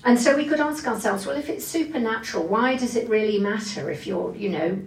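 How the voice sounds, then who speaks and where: Speaking brisk and fairly high-pitched, a woman delivers an expository sermon on the Bible, stressing key phrases as she explains with care. The mic is distant and the room echoes.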